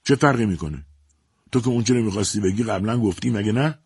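A man's voice: lowish voice, sing-song, husky, no echo, heavily acted. A man voicing a cornered young man answering his mother curtly and resentfully. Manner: curt, resentful. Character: sullen cornered young man, angry son.

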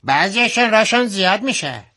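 Bright, lively-voiced woman in banter. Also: medium pitch. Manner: teasing, laughing, mock-indignant. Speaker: radio show co-host. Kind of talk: comic radio sketch banter.

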